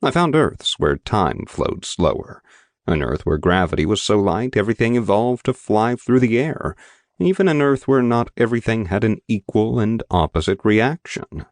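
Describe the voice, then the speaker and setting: A man with a very low voice narrates an audiobook in the first person. His delivery is measured and steady, with slow deliberate phrasing. The recording is close and dry, with no room sound at all. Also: no room sound. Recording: dry, dead studio sound.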